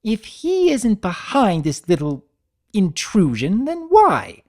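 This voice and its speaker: Slowly and in full character voice, a woman reader portrays an indignant female unicorn seamstress, prim and dramatic, her pitch soaring and swooping as she leans on every refined phrase. It is a dramatic audiobook reading with lively, sweeping inflection.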